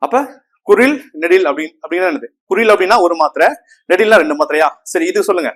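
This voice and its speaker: A man with a somewhat high voice teaches grammar to a classroom of students. He repeats each term and keeps checking whether the class is following. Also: quick pace, fairly bright tone. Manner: asks the class frequent checking questions; repeats terms and counts on fingers.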